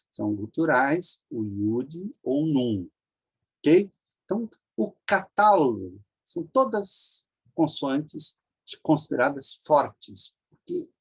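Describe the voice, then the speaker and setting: A man's voice: a little high, gravelly, darkish tone, breathy edge. A man teaching an online grammar lesson, patiently explaining step by step, repeating forms and checking in with the listener.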